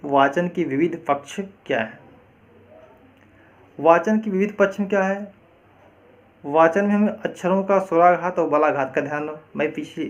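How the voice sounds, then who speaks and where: Brief: male lecturer with a higher-pitched voice, explaining patiently and asking rhetorical questions, dull lo-fi recording. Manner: explanatory, repeats points and asks rhetorical questions. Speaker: teacher-training lecturer. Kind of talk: classroom lecture on Hindi reading.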